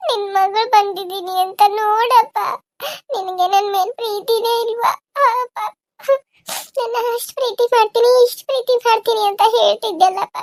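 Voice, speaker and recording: A woman's voice: extremely high pitch, fairly even intonation, normal speed, no echo, clean studio sound. A woman voicing a grieving, orphaned grown daughter in a Kannada cartoon serial, crying and pleading in despair. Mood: wailing.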